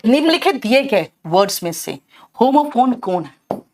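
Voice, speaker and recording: A middle-aged woman with an Indian English accent teaches an exam-prep English lesson, calling her students "beta" and repeatedly asking "clear?" and "theek hai?" to check they've understood. Her fairly high voice is sing-song, a little slow and a little mellow, with slight background noise.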